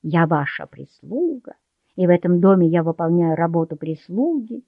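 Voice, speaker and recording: A woman's voice: lowish voice, expressive, normal speed, dry recording, phone-quality sound. A woman reading the part of a stern, weary older grandmother who speaks curtly. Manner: stern, clipped.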